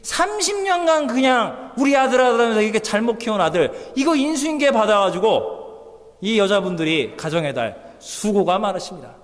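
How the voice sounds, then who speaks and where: A man preaching a lively sermon as pastor in a church, acting out quotes and swinging between loud and soft delivery. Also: sits high, moderate pace. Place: church hall. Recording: long church hall reverb.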